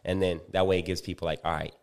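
A man's voice: low-pitched, little pitch movement, fast talker, darkish tone, clear, resonant tone. A man co-hosting a podcast in casual frat-bro talk, slangy and profane, saying "bro" a lot. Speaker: podcast co-host.

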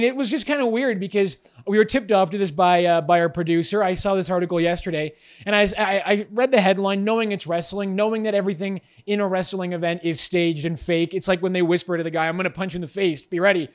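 A man's voice: high voice, steady tone, fast talker, hardly any pauses, clear, resonant tone. A man co-hosting a news commentary show, incredulous and mocking about a story. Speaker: co-host.

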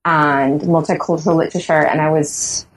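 Low-voiced woman. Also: fairly even intonation, normal speed, rough recording. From Bahamas. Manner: reflective, frequent restarts, speeds up in bursts. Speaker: guest author. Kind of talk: conversational interview.

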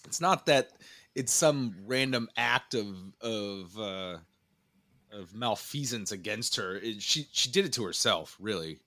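A man co-hosting a podcast with a nasal voice, joking about himself in halting casual talk. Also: on the low side, expressive, pushed and bright. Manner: joking, self-mocking, halting. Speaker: podcast co-host.

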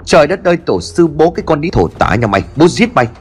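A man's voice: on the high side, big pitch swings, fast, breathy edge, faint music behind, pitched above the performer's own voice. A man voicing a hot-headed younger son who roars curses. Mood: enraged. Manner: roaring curses.

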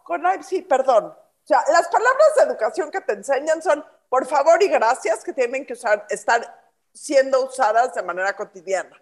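A woman talks in a casual podcast chat. She sets out her arguments in neat lists and laughs as she goes. Her voice is high. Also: expressive, normal speed. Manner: laughs while arguing, lists points. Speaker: podcast co-host.

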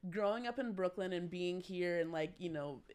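A woman's voice: lowish voice, moderate pace, a little mellow, smooth. A woman hosting a podcast, chatting casually in an effusive, gushing manner. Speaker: podcast host. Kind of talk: casual chat.

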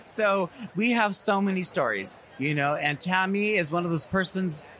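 A man's voice: high-pitched, expressive, normal speed, a bit bright. A middle-aged man, a drag performer, chatting candidly and emphatically in a casual interview. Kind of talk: casual event interview chat. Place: convention green room.

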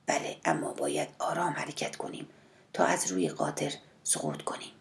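A woman voicing a quiet, solemn son-in-law who speaks in a low, hushed, whispery way. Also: very animated, vocal fry, exaggerated voice.

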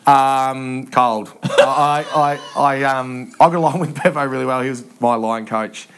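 A man in his thirties with an Australian accent, a former footballer telling stories as a podcast guest, halting with many ums and restarts and laughing often. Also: mid-range voice, steady tone, background noise. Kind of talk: casual storytelling interview.

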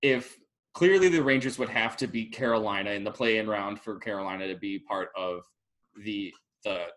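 A man's voice: fairly low pitch, moderate pace. Chatty, laughing man on a podcast. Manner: chatty, laughs often, works through details out loud. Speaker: podcast co-host. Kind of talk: casual sports chat.

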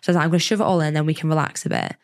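A woman hosting a podcast in casual chat, her voice weak and husky because she is poorly. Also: deep voice, steady tone, racing. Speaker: podcast host.

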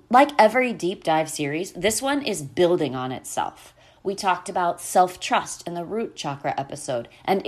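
A woman's voice: mid-range voice, darkish tone. A woman hosting a podcast, talking in a conversational way straight to her listeners. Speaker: podcast host.

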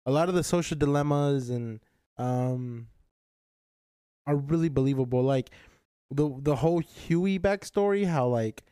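A man co-hosting a podcast in casual, rambling chat, swearing and clearing his throat often. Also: fairly high pitch, unhurried, warm tone, dry recording, studio quality. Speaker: podcast co-host.

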